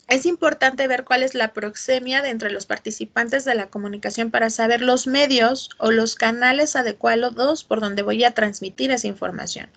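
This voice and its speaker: A woman teaching an online class, expressive and checking in often with her students. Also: fairly high pitch, vocal fry. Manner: expressive, asks for checks with "¿sí?" and "ujú".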